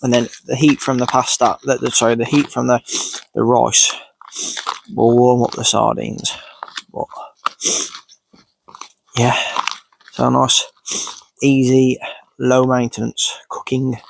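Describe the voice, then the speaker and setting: A man's voice: medium pitch, level tone, slow pace, gravelly, long pauses, a little hiss or hum, poor audio. A man sniffly with a cold, casually narrating his outdoor cooking as he goes, unscripted. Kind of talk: casual, unscripted narration while doing tasks. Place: outdoors in countryside.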